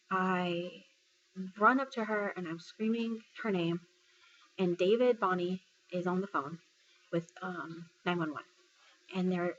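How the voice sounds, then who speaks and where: In a casual vlog, a woman from Texas who serves in the military retells a personal story, conversational and filler-laden, quoting others' words. Her voice is lowish with a fairly bright tone. The audio is dull, with slight background noise.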